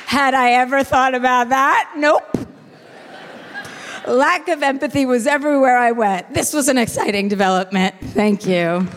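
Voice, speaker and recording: A woman hosting a live stage talk, blunt and self-deprecating, quick to joke. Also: sits high, in a large hall, some chatter behind, a little hiss or hum. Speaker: host. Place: live venue with an audience.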